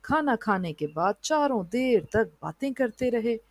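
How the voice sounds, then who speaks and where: A woman narrating a children's moral story in an even storybook reading style. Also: a little high, a little slow, no echo.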